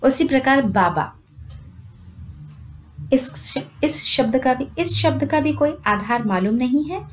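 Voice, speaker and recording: A woman's voice: on the high side, slight background noise. A woman giving a grammar lesson, explaining each example word carefully and addressing viewers as friends. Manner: lists example words one by one. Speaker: teacher.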